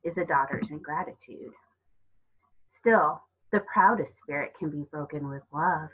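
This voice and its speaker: Sinister fairy-tale false mother, played by a female reader: sugary, controlling, condescending, husky edge, dull recording. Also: low voice, unhurried. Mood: smug. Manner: sugary, coaxing, politely condescending. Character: sinister button-eyed other mother, sweetly controlling creature.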